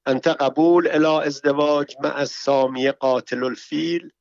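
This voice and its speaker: A man voicing a cleric who officiates a wedding, asking formal questions in a slow, raised voice. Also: on the high side, fairly even intonation, vocal fry, dry recording, pitched above the performer's own voice. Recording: dull, muffled audio.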